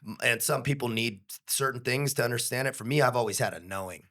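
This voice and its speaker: A man's voice: medium pitch, fast talker, bright, forceful tone. A young adult man talking as a podcast guest in a casual, earnest and reflective way, swearing freely. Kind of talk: casual conversation.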